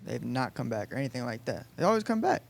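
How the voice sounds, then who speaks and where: A man's voice: mid-range voice, sing-song, fast, gravelly. A man, a barber, speaking humbly and frankly in a casual group conversation.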